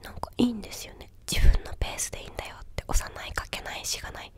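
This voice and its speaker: A young woman chatting casually in a soft, breathy ASMR whisper, close to a desktop microphone in a small room. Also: very fast. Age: young adult. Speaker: ASMR video creator. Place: small quiet indoor room with a bed or sofa. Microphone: desktop condenser microphone, close up.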